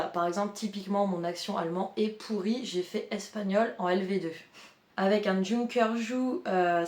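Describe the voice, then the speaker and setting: A woman's voice: medium pitch, reverberant. A woman of twenty-nine, chatting casually in a vlog with many fillers as she reads out a schedule. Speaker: vlogger, airline pilot student.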